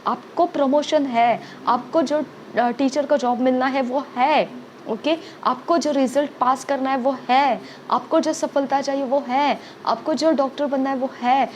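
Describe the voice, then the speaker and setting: A woman's voice: a little high, darkish tone, a little hiss or hum. A woman preaching a sermon, urging listeners with repeated phrases and frequent "okay?" checks.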